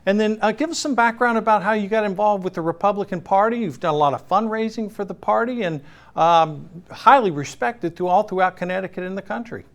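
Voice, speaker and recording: A man's voice: high-pitched, fairly quick, a bit bright. A man hosting a political talk show, asking questions with frequent fillers and restarts. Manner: hesitant, many fillers and restarts. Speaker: show host.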